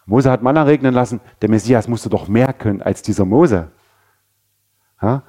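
Preacher with a dark mellow voice. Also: male voice, mid-range voice, moderate pace. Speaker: pastor. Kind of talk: sermon.

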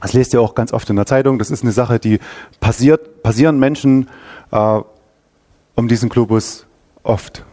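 A man preaching a sermon in an animated way, repeating phrases for emphasis and sometimes correcting himself. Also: medium pitch, normal speed, pauses often. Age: adult father.

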